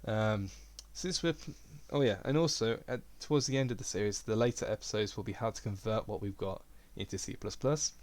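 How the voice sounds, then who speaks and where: Low-voiced young man explaining software. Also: fast, few pauses. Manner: relaxed, rambling, self-deprecating. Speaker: game development tutor. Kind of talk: casual screen-recorded tutorial.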